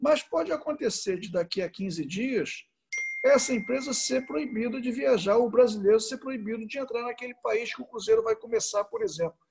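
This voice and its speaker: Gravelly, husky man, hesitant speaker. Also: very high-pitched, normal speed, darkish tone. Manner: hesitant, many fillers and restarts. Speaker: tourism association president, guest speaker. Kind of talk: answering questions in an online talk. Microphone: video call.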